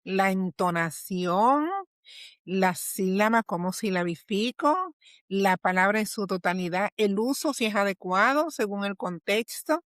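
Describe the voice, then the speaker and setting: A woman's voice: medium pitch, expressive, measured pace, fairly bright tone, no echo, clean studio sound. A woman guest and teacher explaining language in an interview, in a didactic manner full of rhetorical questions.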